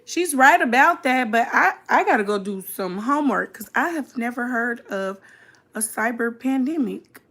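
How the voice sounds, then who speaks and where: A woman's voice: a little high, animated, moderate pace, a bit bright. A woman chatting casually and informally as a live-streamer, reacting to a video and talking directly to her viewers. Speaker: streamer hosting a reaction mukbang.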